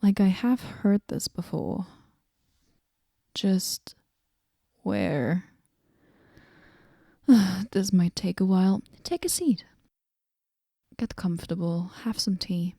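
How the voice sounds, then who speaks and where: This is a moody goddess voiced by a woman in a whispered role-play. She speaks slowly in a dark, mellow tone, deadpan and sarcastic, slipping into soft whispers. The sound is close and dry, with no room around it. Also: medium pitch, gravelly, no room sound, full character voice. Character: moody, aloof female goddess, sardonic.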